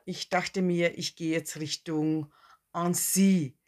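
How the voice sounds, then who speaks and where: A woman in her forties narrating her motorcycle trip in a relaxed, chatty way, with fillers and restarts. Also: lowish voice, slow. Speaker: motorcycle travel vlogger. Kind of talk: casual travel narration.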